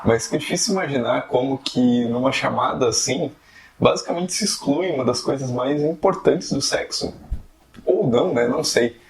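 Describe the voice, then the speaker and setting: A man's voice: medium pitch, moderate pace, vocal fry, a little hiss or hum. A man giving a casual, conversational video lesson on fiction writing, often tagging questions onto his sentences. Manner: conversational, frequent tag questions. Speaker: writing teacher.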